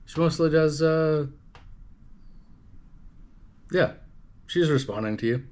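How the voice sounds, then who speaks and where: A man's voice: fairly high pitch, slow, a little mellow. A man from Canada casually chatting to his livestream viewers, rambling and swearing, with lots of fillers and restarts. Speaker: livestream host. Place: home livestream setup.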